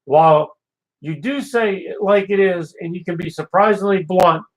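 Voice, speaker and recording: A man's voice: sits high, normal speed, low-quality recording. A man hosting a casual local radio show, reading weather, listener ads and birthday notes in an easygoing way.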